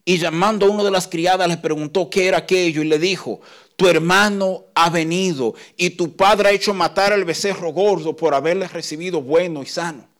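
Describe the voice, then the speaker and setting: A man's voice: high-pitched, brisk. Dynamic middle-aged male preacher. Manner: dynamic preaching, swings from soft to loud. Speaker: pastor. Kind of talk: sermon.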